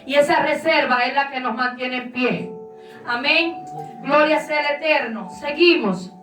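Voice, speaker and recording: A woman's voice: high voice, a little slow, fairly bright tone, reverberant, distant mic, faint music behind. A woman pastor giving a fervent sermon in a repetitive preaching cadence.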